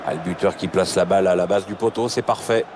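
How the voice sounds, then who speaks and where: A man giving measured, analytical co-commentary on a football match. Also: low-pitched, background noise, natural voice. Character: measured male football pundit.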